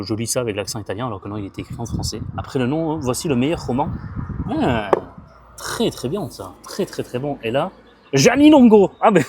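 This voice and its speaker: A middle-aged man from France with a mid-pitched voice talks in a relaxed, chatty way. He gets excited over small finds and thinks aloud with filler sounds. He is recorded outdoors on a handheld camera. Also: slight background noise. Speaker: book vlogger. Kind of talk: casual walking vlog.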